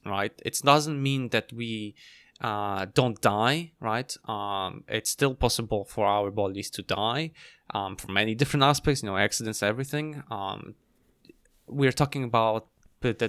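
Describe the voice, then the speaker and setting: A man co-hosting a podcast, explaining definitions he reads from notes, halting with fillers. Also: lowish voice, fairly bright tone, clean tone, no echo, studio quality. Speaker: podcast co-host. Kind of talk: casual science discussion.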